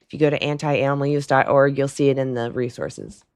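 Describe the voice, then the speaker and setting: A woman with a raspy, hoarse voice hosts a casual livestream call-in, chatting loosely, laughing often, and answering her chat. Her voice rumbles low and is a little mellow, holding a steady tone at a fast clip. Her throat is hoarse.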